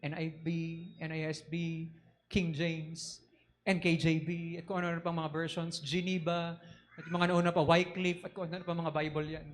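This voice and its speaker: A man preaching a sermon in an animated way, switching between Tagalog and English and asking the congregation questions. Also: a little high, normal speed, slight background noise.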